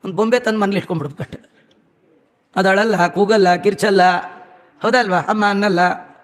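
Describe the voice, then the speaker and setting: A man's voice: sits high, steady tone, normal speed. A man giving a storytelling sermon, chanting verses and making humorous, scolding asides to his listeners. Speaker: religious discourse speaker. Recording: echoey hall.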